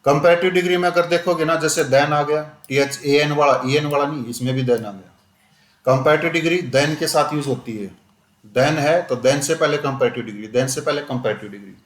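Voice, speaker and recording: Echoey male teacher quizzing a class. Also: on the high side. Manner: questioning, drilling students, slows down for examples. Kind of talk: classroom grammar lesson in Hindi and English. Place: classroom with students.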